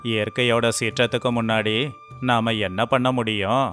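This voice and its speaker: A man's voice: medium pitch, little pitch movement, moderate pace, fairly bright tone, faint music behind, close to an everyday voice. A man voicing a harsh, greedy village landlord who scolds in a stern, scornful way.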